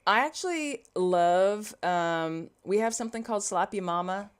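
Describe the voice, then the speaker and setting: This livestreaming developer, a woman from Louisiana, speaks Cajun-accented English at a moderate pace, animated and clear with a resonant, medium-pitched tone. She's chatty, reading out viewer comments and playing off them during her coding tutorial.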